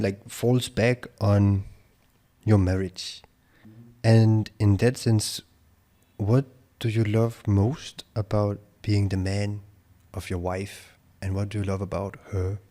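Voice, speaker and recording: A man's voice: on the low side, mellow. A man hosting a therapy-style interview, asking probing questions while searching for words with many fillers. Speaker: podcast host and interviewer.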